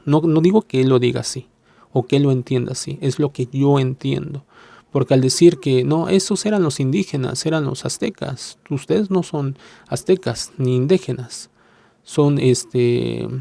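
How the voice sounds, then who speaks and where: A Mexican man with a Mexican accent hosts a casual reaction video, his medium-pitched voice creaky and dark in a dry recording. He talks hesitantly, full of filler sounds and restarts, and he's self-deprecating, hedging and playing down his own opinions.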